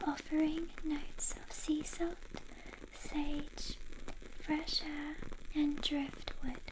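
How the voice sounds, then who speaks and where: A woman in a whispered role-play as a personal shopper, softly and gently presenting products in a breathy whisper. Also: high voice, level tone, very slow, noisy background.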